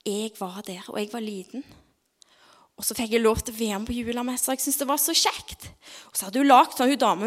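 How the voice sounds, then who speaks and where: Gravelly high-voiced woman telling a devotional story. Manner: expressive storytelling that drops into dramatic whispers; soft, half-whispered prayer. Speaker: speaker at a devotional gathering. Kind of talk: story-based devotional talk and prayer.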